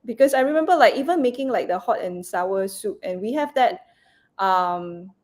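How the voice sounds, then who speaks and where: A woman's voice: medium pitch, lively intonation, normal speed, a little mellow. A woman chef chatting as an interview guest, rambling with lots of fillers and restarts, breaking into laughter. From Asia, Cantonese-speaking region. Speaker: raw food chef and cookbook author, guest. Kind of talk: casual interview chat.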